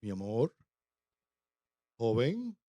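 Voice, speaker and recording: A man voicing a smitten young suitor who drops his voice low to sound attractive, in a comic sermon aside. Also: huge pitch swings, drawn-out words, dark tone, no echo, lo-fi sound, heavily acted. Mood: crooning. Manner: low, crooning pickup voice.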